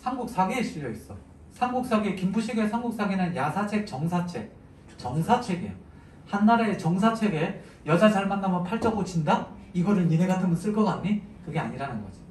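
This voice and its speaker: A man's voice: sits high, lively intonation, fairly quick, darkish tone. A man teaching literature to exam students in a casual, joking way, often stopping to ask his students questions. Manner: chatty, jokey, asks students questions. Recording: echoey room, mic at a distance, noisy.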